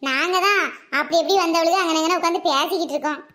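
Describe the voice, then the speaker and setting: A woman's voice: very high voice, rapid-fire, fairly bright tone. A woman with a sore throat, voicing several village women in teasing comic banter. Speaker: comedy skit performer.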